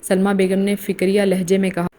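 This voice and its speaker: Woman narrator, romance audiobook, flat monotone, mid pitch. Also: a little hiss or hum. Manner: steady, even reading. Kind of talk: reading a romance novel aloud.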